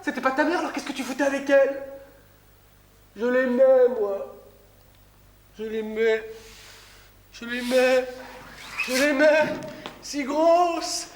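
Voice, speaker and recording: An actor performing a theatre monologue as a bitter, obsessive lonely man, mocking, explosive and swinging between sneers and shouts. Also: very high-pitched, slow, pauses often, echoey room, big-room sound. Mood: grieving. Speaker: stage actor. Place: theatre stage.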